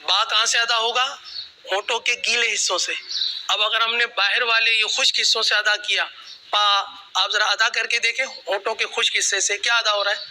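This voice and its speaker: A man's voice: sits high, steady tone, bright, forceful tone, a little hiss or hum, rough recording. A man teaching children to pronounce Arabic letters, patiently drilling each sound and having them repeat it after him. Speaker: Quran recitation teacher.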